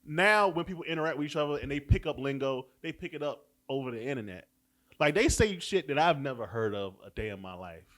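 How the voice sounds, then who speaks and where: Lively, argumentative man. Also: mid-range voice, a little fast. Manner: argumentative, rhetorical questions. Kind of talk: casual podcast debate.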